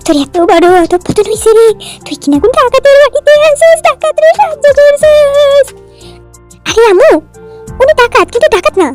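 A woman voicing a loud, crude, scolding middle-aged mother in a storybook tale. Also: expressive, fast talker, faint music behind. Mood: yelling. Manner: shrill, crude, insulting.

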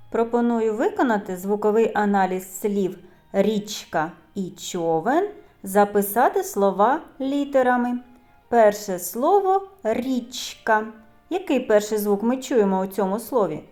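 A preschool teacher, a woman, walks small children through a letter lesson at a very unhurried pace. She stretches out each sound with care. Faint music plays behind her. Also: on the high side, animated, mellow. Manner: slow, careful, drawn-out sounds for children. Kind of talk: literacy lesson for young children.

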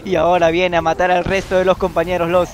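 A man casting a live esports match, with excitable sing-song play-by-play. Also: high voice, fast talker, a little hiss or hum. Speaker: esports caster.

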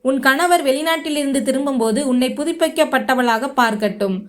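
A woman's voice: high-pitched, brisk, close to an everyday voice. A woman voicing a domineering, scheming old grandfather in a spoken story, in a commanding way.

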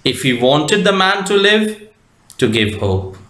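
A man with an Indian English accent reads a story aloud and explains it as a teacher, phrasing slowly and deliberately with frequent fillers. His voice is a little high, pushed and bright, with big pitch swings, in an echoey room.

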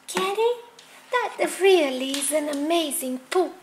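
A woman's voice: high voice, unhurried. Barbie, a woman doing a bubbly doll voice. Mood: excited. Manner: bubbly, excited. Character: cheerful young adult female fashion doll. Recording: noisy home recording.

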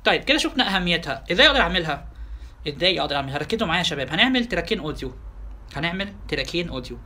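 Quick-talking Egyptian man teaching software. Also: fairly high pitch, sing-song. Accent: Egyptian Arabic. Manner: quick, chatty, addresses listeners directly with rhetorical questions. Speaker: software instructor. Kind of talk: tutorial lecture.

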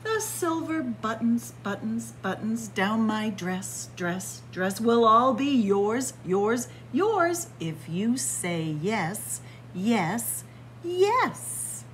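The audio is poor, with a little hiss or hum, as a woman in her sixties reads a picture book very slowly in a slightly high voice with lively intonation. A children's librarian, she chants its rhymes sing-song and drops playful asides, seated near a webcam in a library with bookshelves.

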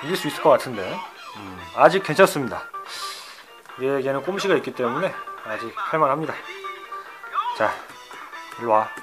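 A man streaming an old fighting game, swearing at the computer opponent and swinging between loud outbursts and low mutters. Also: very animated, moderate pace, pauses often, music in the background. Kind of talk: profane retro game commentary.

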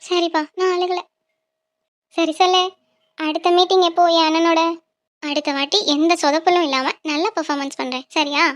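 A voice actor playing a loving, tearful mother in a cartoon, speaking softly to her son. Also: very high voice, steady tone, normal speed, pauses often. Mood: tender.

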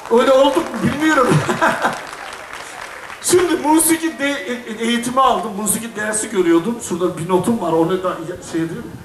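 A middle-aged man from Istanbul talks to a crowd from the stage, with a notably high voice. He is chatty and jokes at his own expense. The sound is echoey and distant, as if picked up from far across the venue. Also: a bit bright. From Istanbul, Turkey. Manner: chatty, joking storyteller who laughs at himself. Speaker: folk singer on stage. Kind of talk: casual stage chat to an audience. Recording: echoey venue, voice heard from afar.

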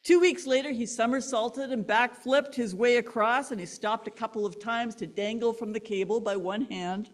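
A woman pastor, delivering a sermon as an animated story and laughing between lines. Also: a little high, moderate pace, few pauses.

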